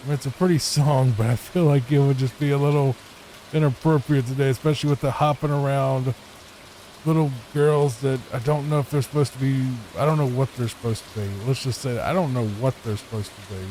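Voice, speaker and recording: Virginian man, mid-pitched, easygoing rambling game talk for sleep, faint hiss behind. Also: steady tone, brisk, warm tone, poor audio. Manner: laid-back, rambling. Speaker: gameplay channel host. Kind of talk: soft sleep-aid gameplay commentary. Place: home room, not a booth. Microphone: studio microphone with added EQ.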